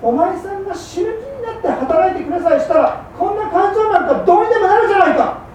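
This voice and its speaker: A woman's voice: very high voice, expressive, a little mellow, pitched above the performer's own voice. A woman playing a patient, shrewd fishmonger's wife who coaxes and scolds in old Edo speech. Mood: encouraging. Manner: coaxing, reproachful, brisk. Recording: roomy hall from far off, faint hum.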